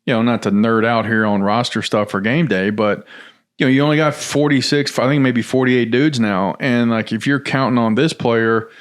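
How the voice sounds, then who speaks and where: A man's voice: medium pitch, steady tone, normal speed, clear, resonant tone. A middle-aged man from Tennessee, a guest on a podcast, telling rambling stories about his past work with many restarts and fillers. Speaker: guest, former football general manager. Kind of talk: casual storytelling interview.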